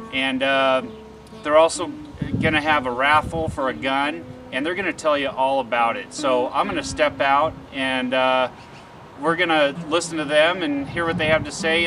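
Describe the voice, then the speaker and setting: Chatty man presenting over music. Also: a little high. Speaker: presenter, real estate agent. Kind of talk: informal promotional introduction. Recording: distant mic, music behind.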